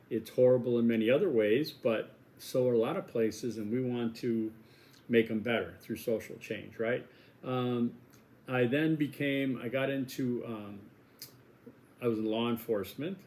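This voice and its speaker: In a course welcome video, a college instructor in his sixties from Milwaukee rambles and chats, joking at his own expense in a Wisconsin accent. He speaks at a moderate pace in a darkish, mid-range voice.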